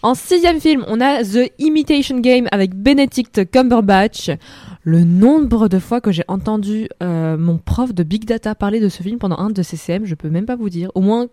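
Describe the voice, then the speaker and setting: A woman's voice: medium pitch, normal speed, dark tone, no room sound. An eighteen-year-old woman runs a radio film segment with a light, teasing manner. Her voice sits in a middle register and comes through dry and close on a studio microphone. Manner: playful, lightly joking while listing films. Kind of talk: casual radio chat.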